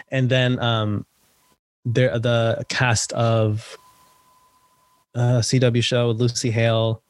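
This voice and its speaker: A young American man from a Salvadoran family talks about his work as an actor and writer on a podcast, laughing often and using plenty of fillers. His mid-range voice barely moves in pitch and he speaks extremely slowly with long pauses, with no room sound.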